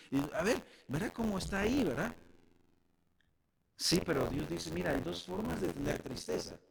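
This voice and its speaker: A man's voice: fairly high pitch, creaky, a bit bright, slightly rough. A man preaching a sermon as pastor, speaking directly to the congregation.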